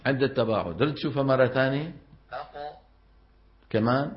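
A man's voice: medium pitch, brisk. Male recitation teacher, lecturing a class with frequent questions to students; slightly muffled recording. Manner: explains step by step, keeps asking the class questions. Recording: dull lo-fi recording.

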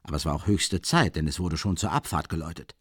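A man's voice: extremely low pitch, fast, slightly rough, dry recording, clean studio sound, pitched below the performer's own voice. A man reading an audiobook, voicing a worldly middle-aged man who talks in a raised, wondering, rambling way.

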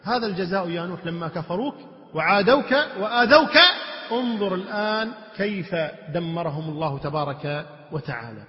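A man with a Kuwaiti Arabic accent giving a religious lecture, reciting verses slowly and rising to emphatic, forceful peaks as he retells the story. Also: sits high, lively intonation. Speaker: Islamic preacher. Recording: dull lo-fi lecture recording in a large reverberant hall.

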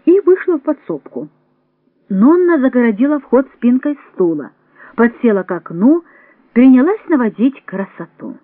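A woman narrating an audiobook in an expressive, measured way. The sound is dry and tinny, like a phone line. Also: a little high, dry recording.

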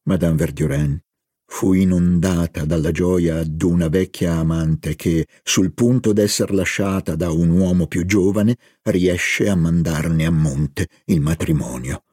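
A man narrating a literary novel as an audiobook, in a deliberate, expressive way. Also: low-pitched, breathy edge, no room sound, clean studio sound. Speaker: audiobook reader.

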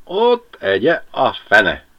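A man voicing a gruff, cocky married village man in a lo-fi audiobook reading. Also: medium pitch, sing-song, voice pushed up, natural voice.

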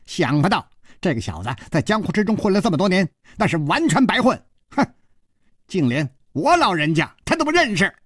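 A man's voice: high-pitched, big pitch swings, a little fast, no echo, studio quality, voice pushed up. A man putting on a giggling, long-winded bald old man. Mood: teasing. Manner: teasing, cackling, rambling.

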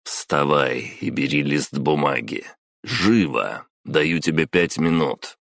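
A cocky young trainee who talks calmly, with a menacing edge underneath, as a male audiobook narrator voices him. The voice is extremely deep and gravelly, recorded dry and close. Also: slow pace, no room sound, heavily acted. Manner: calm and smug, turning cold and menacing.

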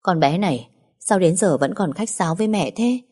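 A woman reading the lines of a tearful, doting older mother-in-law in a story, slow and choked. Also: on the low side, animated, a little mellow, breathy edge. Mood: tender.

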